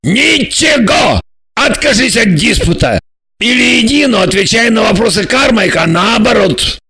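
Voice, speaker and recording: A woman voicing a gruff, bossy captive man who shouts orders down a phone line. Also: on the low side, moderate pace. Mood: barking. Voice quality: gravelly, shouting. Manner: barks orders, curses.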